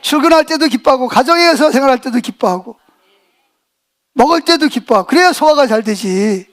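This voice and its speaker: A middle-aged man preaching a sermon in a notably high voice. He talks in a folksy, blunt, joking way, constantly firing questions at the congregation and waiting for them to answer back. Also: expressive, a little fast, fairly bright tone. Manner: call-and-response preaching, asking the congregation questions. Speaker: pastor.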